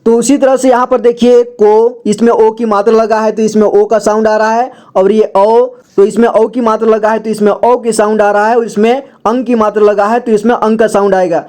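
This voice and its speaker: A woman teaching Hindi letters and vowel marks, explaining patiently, repeating herself and drawing out syllables slowly one by one. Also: fairly high pitch, level tone, mellow. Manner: patient, repeats "ठीक है" and "देखिए" often, drills syllables slowly. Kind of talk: slow classroom explanation.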